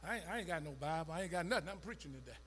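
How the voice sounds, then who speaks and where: A man's voice: a little high, lively intonation, very fast, fairly bright tone, slight background noise. A man preaching a sermon in a church with a Southern American accent, calling out to the congregation and rising into a sung, chanted whoop. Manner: call-and-response, dialect-rich, emotional chanting.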